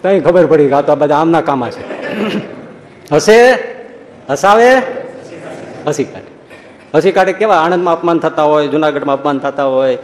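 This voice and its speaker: A man giving a humorous religious talk, telling anecdotes in a lively storytelling way and acting out the people in them. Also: a little high, normal speed, a little hiss or hum. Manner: storytelling, animated, acts out quoted voices. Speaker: preacher. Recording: long hall reverb.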